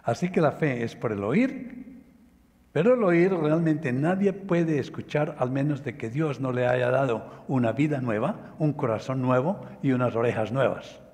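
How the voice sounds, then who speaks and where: A man delivers a sermon, speaking at a middle pitch. He tells his story with emphasis and slows down to stress the key lines. His voice rings out with the long reverb of a church hall. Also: lively intonation, a little mellow. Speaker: pastor.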